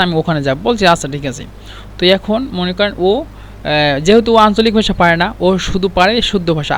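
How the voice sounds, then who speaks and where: A man's voice: high voice, fairly bright tone. Chatty man teaching Arabic. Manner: chatty, with many fillers and restarts. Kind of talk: casual spoken lesson with an anecdote.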